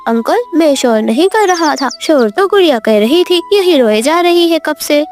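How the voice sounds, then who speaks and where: A woman's voice: high-pitched, expressive, moderate pace, darkish tone, soft background music. A woman doing a cheeky little boy chick. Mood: defensive. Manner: cheeky, defensive.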